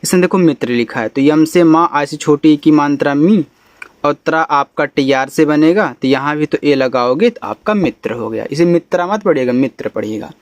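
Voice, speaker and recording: A man's voice: fairly high pitch, moderate pace, dry recording. A man teaching spelling, explaining patiently letter by letter. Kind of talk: spelling lesson.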